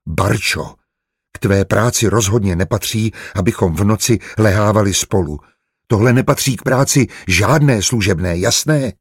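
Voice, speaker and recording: A man voicing a kind, patient middle-aged doctor who speaks calmly and measuredly in an audiobook. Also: lowish voice, slightly rough, no echo, clean studio sound. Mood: firm. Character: kind, gentle middle-aged male physician.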